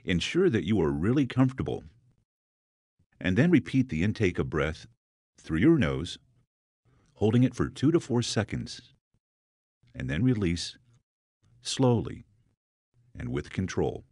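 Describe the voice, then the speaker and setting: A man with a deep, husky voice narrates a scripted guided meditation, giving slow, deliberate, soothing instructions with pauses between phrases, though his melody rises and falls in a lively way. The sound is dry with very little room and no echo.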